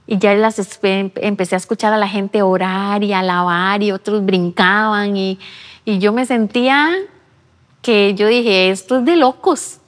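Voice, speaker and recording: A woman's voice: medium pitch, fairly even intonation, a little slow. A woman, telling her personal faith testimony earnestly in an interview at a church. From Costa Rica. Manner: earnest storytelling, re-enacting her own past words. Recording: long reverb of a large room.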